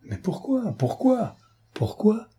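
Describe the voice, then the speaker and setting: A man's voice: very animated, slow, dark tone, husky, full character voice. Man doing a frantic pleading mother. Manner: pleading, voice raised high in anguish. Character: desperate mother, middle-aged woman, frantic.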